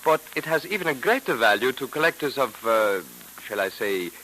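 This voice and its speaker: An actor in old radio drama style playing a courteous, resigned Egyptian cult captive with formal, deliberate phrasing. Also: male voice, medium pitch, animated, pushed and bright. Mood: earnest. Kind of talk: 1940s radio drama acting. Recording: noisy vintage radio recording.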